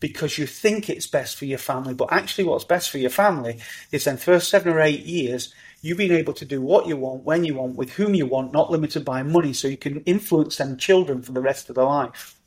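A middle-aged man, talking as a podcast guest in an animated, upbeat way. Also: fairly high pitch, fairly quick. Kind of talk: conversational interview.

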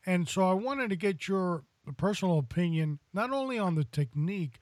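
Higher-voiced American man hosting, dry sound. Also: animated, moderate pace, darkish tone, no echo. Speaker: podcast host. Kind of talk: casual show hosting.

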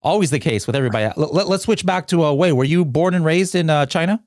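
Recorded in a clean, echo-free studio, an American man with a fairly high, darkish voice talks fast. He hosts a podcast, joking and chatting loosely with guests, often using fillers and restarting sentences.

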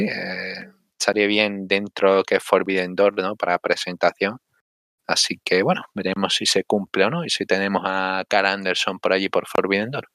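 A male podcast host with a low voice chats casually about sport. He thinks aloud, halting and seeking agreement with short tags, in a very dry recording. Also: bright, forceful tone, smooth, no echo. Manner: halting, thinking aloud with frequent tag questions.

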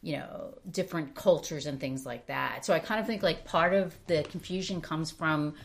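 Low-voiced woman hedging in podcast chat. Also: moderate pace, vocal fry. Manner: thoughtful, hedging with "sort of". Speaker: podcast co-host. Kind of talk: casual book discussion.

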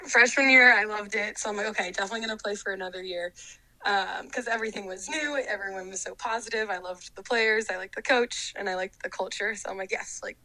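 A woman's voice: medium pitch, sharp tone, no echo, rough recording. A young woman, a college athlete, talking casually and reflectively in an interview, with lots of fillers. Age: young adult. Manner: reflective, chatty, many fillers.

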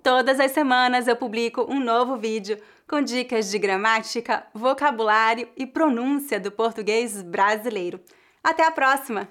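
A woman with a Brazilian accent giving a scripted language lesson, saying model phrases slowly and clearly, then repeating them. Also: on the high side, a bit bright. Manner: slow, carefully articulated model phrases repeated at varying speeds. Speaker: Portuguese teacher.

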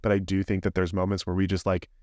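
Low-voiced dad telling a candid story. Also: male voice, completely flat delivery, fast talker, a little mellow, no echo, clean studio sound. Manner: rambling, candid storytelling with laughs. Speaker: podcast co-host. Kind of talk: casual chat.

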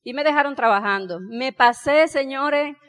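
A middle-aged woman tells a personal story to an audience. Her voice sits a little high, and she is animated, playing out the exchanges as she goes. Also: normal speed. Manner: animated, acts out dialogue, laughs while telling. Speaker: speaker telling her life story.

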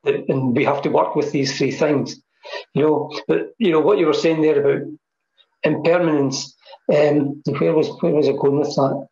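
This mindfulness interview guest speaks at a moderate pace in a slightly high, creaky, somewhat mellow voice with fairly even intonation. He reflects thoughtfully and repeats phrases for emphasis, heard via a computer mic on a dull, echoey video call.

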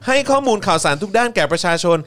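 Animated, irreverent man hosting a live show. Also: high-pitched, very fast. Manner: irreverent, swears, frequent polite affirming particles. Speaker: host of a live news-comedy show. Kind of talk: casual comic news commentary.

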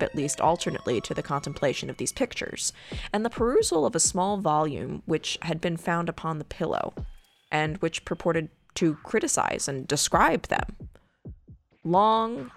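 A woman podcast host reading a gothic horror story aloud in a measured, deliberate storytelling manner. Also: low-pitched, gravelly.

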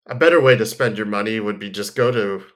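Laid-back guy with a lowish voice running a podcast, chatty and a bit rambly. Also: a bit bright. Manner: easygoing, rambling with fillers. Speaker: podcast host. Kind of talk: casual chat and live ad read.

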